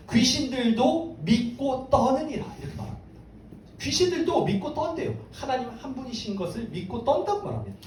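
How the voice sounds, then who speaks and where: A man's voice: high-pitched, a little mellow. A man preaching a sermon to young people, keeps asking his listeners questions as he explains. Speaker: pastor. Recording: echoey room, mic far off, faint background hiss.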